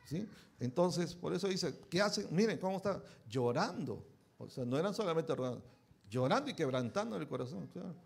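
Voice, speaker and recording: A man's voice: fairly high pitch, lively intonation, brisk, creaky, husky. A pastor preaching a conversational sermon, often checking in with his listeners with short tag questions.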